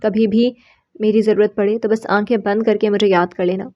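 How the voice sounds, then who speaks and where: A woman voicing a heartbroken young man, soft, tender and resigned. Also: medium pitch, level tone, muffled recording, natural voice. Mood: sorrowful. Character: heartbroken young man writing a farewell letter.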